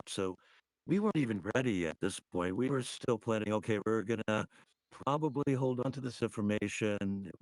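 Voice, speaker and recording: Low-voiced man through a voice changer. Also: no echo, rough recording. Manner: halting, many fillers and restarts. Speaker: livestream host. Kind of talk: casual livestream commentary. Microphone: computer mic on a livestream.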